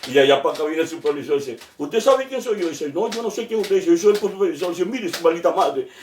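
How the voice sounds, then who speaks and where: A man telling jokes in an animated way, acting out the characters and laughing at his own punchlines. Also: fairly high pitch, fast, reverberant, recorded from a distance, a little hiss or hum. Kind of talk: joke telling.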